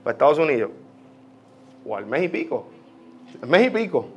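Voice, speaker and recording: High-voiced Puerto Rican preacher. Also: male voice, brisk, dull audio, a little hiss or hum. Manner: lively, personal storytelling with quoted prayers. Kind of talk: sermon. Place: church.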